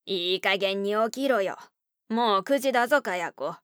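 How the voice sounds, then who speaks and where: A woman's voice: mid-range voice, expressive, normal speed, a bit bright, smooth, dry recording, studio quality, natural voice. A woman narrator voicing an impatient middle-aged father who scolds curtly. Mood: irritated. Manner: curt, dismissive scolding.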